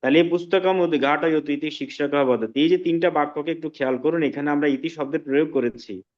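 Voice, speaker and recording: A man teaching an online language class, explaining slowly and often checking that students follow. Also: a little high, dull audio. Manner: slow, patient explaining with frequent check-ins to students. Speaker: Sanskrit teacher.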